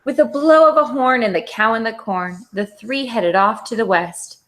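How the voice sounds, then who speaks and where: At normal speed and with a slightly high voice, a woman gives an expressive storytelling reading of a children's picture book.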